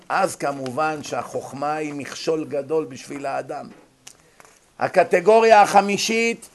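A man, a rabbi giving a Torah lecture, who acts out small scenes in other voices as he goes. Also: a little high. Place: abroad, in America.

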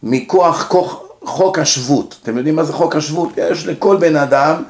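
A man's voice: on the high side, darkish tone. A man with an Israeli accent gives an informal religious lecture in a didactic way, asking questions and answering them himself. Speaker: rabbi giving a religious lecture. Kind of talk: informal Torah lecture to an audience. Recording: echoey room.

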